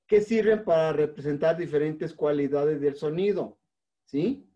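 A male music teacher with a Mexican accent speaks slowly and patiently, with a mellow, slightly raised voice. He explains things step by step and fills his pauses with "este". The recording is dull and lo-fi. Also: a little high. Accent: Mexican Spanish. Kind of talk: recorded online class.

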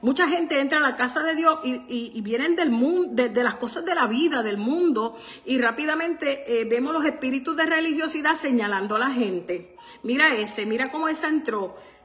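A woman with a fairly high voice preaches a radio sermon. She speaks with fervor and addresses her listeners directly, often checking with them and repeating her praise of the Lord. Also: lively intonation, normal speed, fairly bright tone. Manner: fervent, repeats "bendito sea el Señor" often.

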